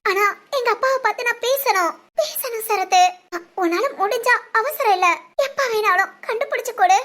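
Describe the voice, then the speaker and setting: Woman doing a grieving young woman, very high, soft and teary, for an audio drama. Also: moderate pace. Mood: tearful. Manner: soft, tearful and polite. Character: grieving young woman missing her father.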